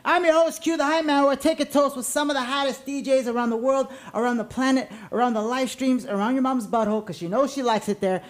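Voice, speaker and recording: A man works as a hype-man host, delivering a loud show intro. He is brash and crude, shouting with the push of an energy drink ad. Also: extremely high pitch, steady tone, fast, few pauses. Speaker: podcast host.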